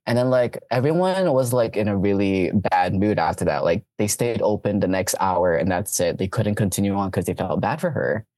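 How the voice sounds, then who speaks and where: A woman's voice: extremely low pitch, moderate pace, few pauses, mellow, no room sound. Host, young woman, loose rambly storyteller, dry close sound. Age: young adult. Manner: rambling, filler-heavy with lots of "like". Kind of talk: casual storytelling chat.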